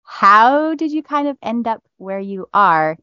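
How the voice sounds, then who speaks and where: A woman's voice: a little high, very animated, a little slow, sharp tone, smooth, dry recording, muffled recording. A woman hosting an interview podcast, reading a prepared guest introduction and asking questions. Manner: reads a prepared intro, laughs easily. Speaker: podcast host.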